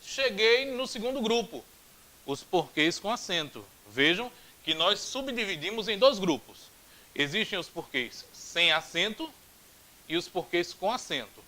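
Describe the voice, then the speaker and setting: Brazilian guy teaching grammar, high voice that jumps all over, drills stuff aloud, jokey. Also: a little slow, low-quality recording. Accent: Brazilian Portuguese. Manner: animated, repeats drills aloud, jokey asides. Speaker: Portuguese teacher. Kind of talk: grammar video lesson.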